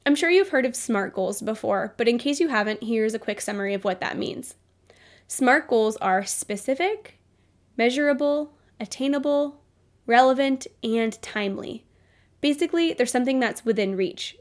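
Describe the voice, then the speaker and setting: A young adult woman hosting a solo business podcast, upbeat and motivational, her voice nasal from a cold. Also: on the high side. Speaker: podcast host.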